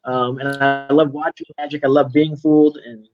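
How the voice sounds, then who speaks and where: A man hosting a casual interview, enthusiastic and quick to laugh. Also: on the high side, little pitch movement, dull audio, music in the background. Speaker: magic shop interview host.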